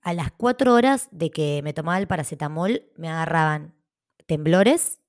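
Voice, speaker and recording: A woman's voice: low-pitched, normal speed, no room sound, clean studio sound. Argentine woman telling a frank story. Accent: Argentine Spanish. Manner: animated, frank, swears casually. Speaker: podcast co-host. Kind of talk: casual storytelling chat.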